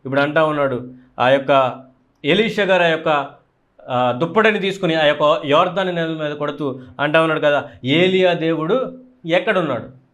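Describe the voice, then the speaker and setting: A man's voice: a little high, moderate pace, pauses often, a bit bright. A man with a Telugu accent preaching a sermon, asking rhetorical questions and repeating phrases for emphasis.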